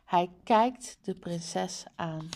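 A woman reading a simple storybook aloud and practising single words one by one, in a deliberate way. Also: fairly low pitch, a little mellow, a little hiss or hum. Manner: very slow, deliberate, word by word. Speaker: reader. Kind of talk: slow reading aloud with word drills.

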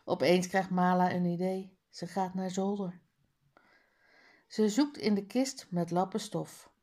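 A woman's voice: lowish voice, fairly even intonation, measured pace, mellow. A woman reading a children's book aloud page by page, with careful word drills. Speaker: reader.

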